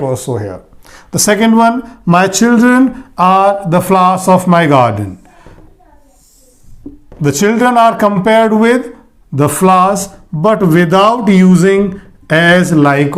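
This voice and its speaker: A man explaining a grammar lesson slowly, stressing and repeating key words. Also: high-pitched, darkish tone. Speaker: English teacher.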